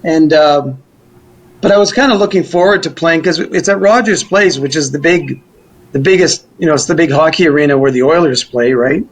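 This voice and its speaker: Speaking at normal speed in a slightly high voice, a middle-aged or older man recalls his musical past as an interview subject. His manner is rambling and informal, full of hedges like "you know" and "kind of."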